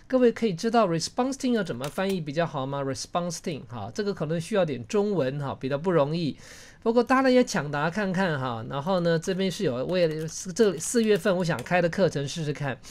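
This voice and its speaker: This Taiwanese-Mandarin-accented woman's voice is on the low side, a little mellow, expressive and fairly quick. She leads a live online English lesson on a video call, gently urging students on and feeding them one word at a time.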